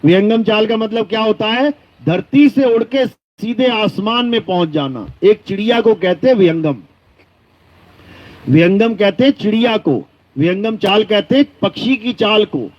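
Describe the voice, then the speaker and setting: A man giving a devotional discourse as a spiritual teacher, slowly chanting verses and then explaining them plainly. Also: sits high, expressive. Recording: dull lo-fi recording.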